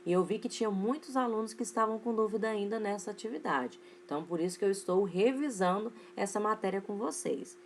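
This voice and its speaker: A young woman from Brazil teaching a recorded online class for children, with a Brazilian Portuguese accent, stretching out words slowly as she dictates examples. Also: medium pitch, a little hiss or hum. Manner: slow, stretched-out word dictation in a rising voice.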